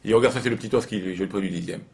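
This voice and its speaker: Man, rabbi, informal Torah lesson, animated storytelling, repeats phrases. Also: fairly low pitch, very fast.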